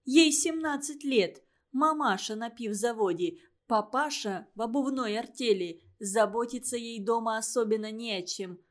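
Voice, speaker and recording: A woman reading a novel aloud, voicing a stern, sharp-tongued young woman who lectures her friends harshly. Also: a little high, normal speed, lightly acted. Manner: harsh, cutting, emphatic.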